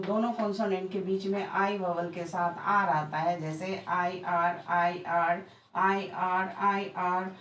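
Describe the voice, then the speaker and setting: Woman, teacher, slow deliberate lesson, repeats words one by one, distant mic, faint hiss. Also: medium pitch. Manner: explains rules step by step, repeating example words one by one. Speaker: English teacher. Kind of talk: slow spoken lesson on pronunciation. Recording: echoey room, from a distance, faint background noise.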